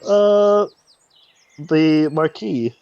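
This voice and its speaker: A man role-playing in a tabletop game, halting and searching for words as he improvises. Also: a little high, creaky, a little mellow, soft background music. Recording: dull lo-fi microphone sound.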